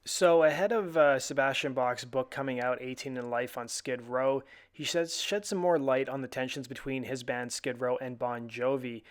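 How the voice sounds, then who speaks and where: A man's voice: medium pitch, moderate pace. A man hosting a rock news channel, reading articles and quotes aloud in a conversational way with the odd "uh".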